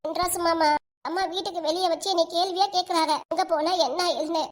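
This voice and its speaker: A woman's voice: extremely high pitch, steady tone, fast talker. A woman voicing a young village daughter-in-law in a cartoon, arguing back and pleading. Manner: pleading, argumentative. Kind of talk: cartoon voice acting.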